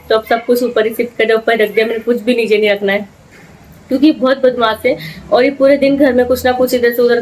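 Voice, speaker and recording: A woman's voice: a little high, slight background noise. A young woman, a mother, chatting casually to camera in a home vlog and telling her story with lots of fillers. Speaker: vlogger, mother.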